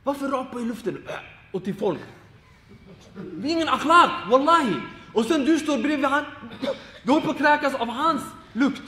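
A male Islamic teacher giving short, informal advice, animated and laughing as he acts out everyday examples. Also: very high voice, roomy sound, big-room sound.

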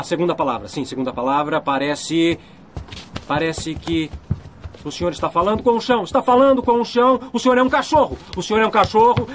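Male dubber: earnest young groom, rapid and eager, slight hiss behind the voice. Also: high voice, natural voice. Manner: rapid excited guessing. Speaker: groom guessing a mime. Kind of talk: dubbed film acting.

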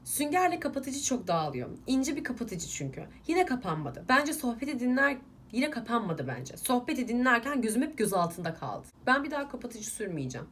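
A woman's voice: fairly high pitch, sing-song, normal speed, a bit bright, a little hiss or hum. A young woman vlogger, casually ranting at viewers while doing her makeup, irritated and emphatic. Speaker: beauty vlogger.

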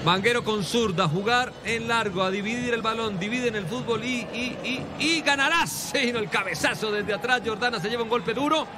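A man giving breakneck football play-by-play, excitedly stretching and repeating his goal calls. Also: very high voice, brisk, background noise. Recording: stadium broadcast with loud crowd ambience.

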